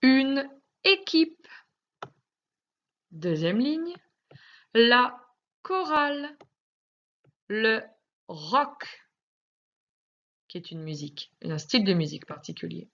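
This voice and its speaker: A French woman teacher talks a young child through a phonics worksheet, drawing out each word with lively, bouncing pitch. Her pace is slow and deliberate, and the recording sounds a little dull and lo-fi. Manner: slow, clearly articulated, sing-song emphasis on words. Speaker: primary school teacher.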